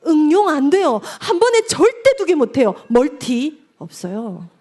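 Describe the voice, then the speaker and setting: High, animated woman lecturing. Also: measured pace. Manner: animated, addresses the audience directly, acts out quotes. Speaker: evangelist lecturing at a parent seminar. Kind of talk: lively seminar lecture.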